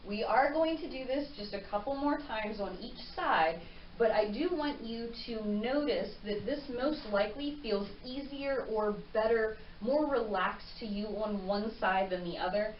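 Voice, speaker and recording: A woman teaching tai chi with calm, reassuring, measured step-by-step movement cues. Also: on the high side. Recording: roomy, dull, distant mic, faint noise.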